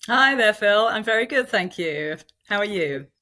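A woman's voice: mid-range voice, animated, moderate pace, bright, forceful tone. A woman explaining her business work conversationally as an interview guest. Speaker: podcast guest, department head at a tech company.

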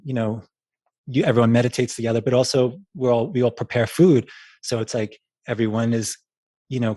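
A man's voice: mid-range voice, a little mellow, slightly rough, no echo. A man talking in a casual chat as a guest, rambling with many fillers and restarts.

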